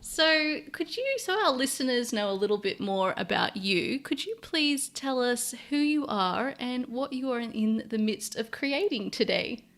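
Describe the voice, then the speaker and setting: A woman's voice: a little high, lively intonation, unhurried, few pauses, a bit bright. A woman hosting a podcast, talking in an enthusiastic, chatty way with fillers and restarts. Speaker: podcast host. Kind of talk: podcast intro and interview.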